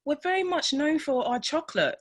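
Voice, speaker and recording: A woman's voice: high voice, animated, brisk. A woman from the UK, a tourism trade manager, presenting in a conversational manner with asides and fillers. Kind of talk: guest presentation.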